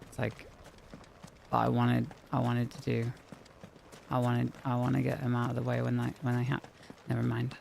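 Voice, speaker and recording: A man's voice: medium pitch, moderate pace, creaky, pauses often, a little hiss or hum. A man streaming a video game, chattering casually to himself, grumbling and swearing as he plays. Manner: animated, grumbling, swears often, talks to himself. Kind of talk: casual live-stream commentary.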